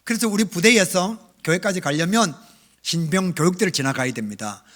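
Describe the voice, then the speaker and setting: A middle-aged male pastor preaching a revival sermon, telling his own story with big swings between loud and hushed. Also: sits high, lively intonation, brisk. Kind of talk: revival sermon with personal testimony. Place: church sanctuary.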